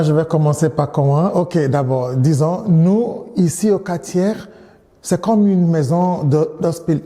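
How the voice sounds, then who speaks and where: A man in his thirties from Nigeria, a priest giving interview answers in a measured way, often restarting and repeating words. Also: fairly high pitch, warm tone, long reverb tail.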